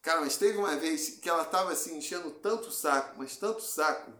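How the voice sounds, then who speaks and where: A man's voice: fairly high pitch, fast talker, pushed and bright, echoey room. A man co-hosting a casual podcast chat, talking bluntly and swearing often, with frequent restarts. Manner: blunt and profane, many restarts. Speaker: podcast co-host.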